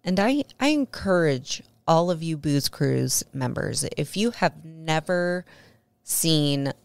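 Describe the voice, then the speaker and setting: A woman co-hosts a casual podcast, giggling often and reacting quickly to her co-host. Her voice sits fairly low and swings widely in pitch, with a gravelly edge. The recording is dry and close. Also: animated, no room sound. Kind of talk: casual chat.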